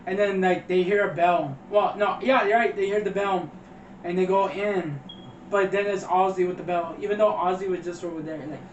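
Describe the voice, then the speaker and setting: A man's voice: high-pitched, steady tone, normal speed. A man co-hosting a casual movie review, retelling scenes loosely and laughing as he quotes the characters. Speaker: podcast co-host. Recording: dull, far-off roomy mic with faint noise.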